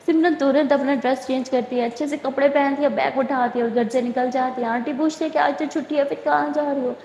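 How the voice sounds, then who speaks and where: A woman's voice: high voice, steady tone, a little mellow, muffled recording, a little hiss or hum. A woman telling a love story in a casual, chatty way with the filler "نا", recorded in an echoey room. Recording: echoey room with long reverb.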